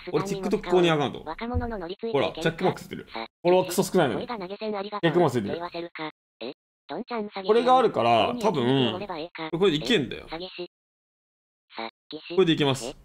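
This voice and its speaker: A man live-streaming, rambling and joking in casual chat with his viewers. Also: sits high. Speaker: game streamer. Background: background music.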